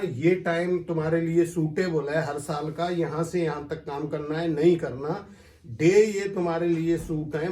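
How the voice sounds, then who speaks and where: A man's voice: high voice, a little mellow. A man, an astrologer, explains the stock market to viewers in casual, direct talk with an instructive manner. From India. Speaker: astrologer giving market analysis. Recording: echoey room, voice from a distance.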